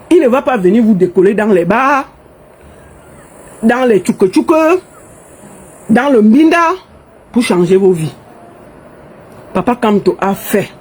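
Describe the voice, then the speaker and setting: A middle-aged woman with a Cameroonian French accent delivers a fervent political monologue straight to camera. Her pitch leaps and dips with lively, expressive swings as she hammers her points home again and again. A light hiss of noise sits beneath her voice. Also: low-quality recording. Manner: emphatic, repetitive, insistent. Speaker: political activist in exile.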